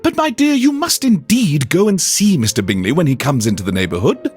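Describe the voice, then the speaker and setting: Fluttery, high-pitched fussy wife. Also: male voice, sing-song, a little fast, husky, soft background music. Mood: pleading, nagging. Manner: theatrical, fluttery, exclamatory. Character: fussy, excitable middle-aged wife, gushing and nagging. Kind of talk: storybook reading in a game radio show.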